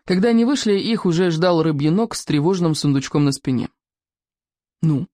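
A reader giving an expressive, dramatic audiobook narration. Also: medium pitch, a little fast, no room sound. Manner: lively, dramatic storytelling.

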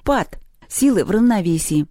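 A reader voicing a clever bookish boy who explains things in a measured way. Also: mid-range voice, expressive, dark tone, dry recording, clean studio sound, natural voice. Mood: reasoning.

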